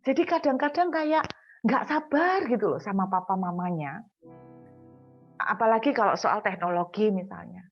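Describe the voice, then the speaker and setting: A woman preacher with an East Javanese accent gives a morning devotional sermon in a conversational way, slowing down to stress key words. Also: mid-range voice, lively intonation, dull audio, faint music behind. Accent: East Javanese Indonesian. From Surabaya, East Java.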